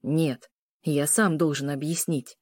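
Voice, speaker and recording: A woman's voice: steady tone, slow, a little mellow, dry recording, studio quality. A woman doing a brooding male werewolf. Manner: low, brooding, insistent.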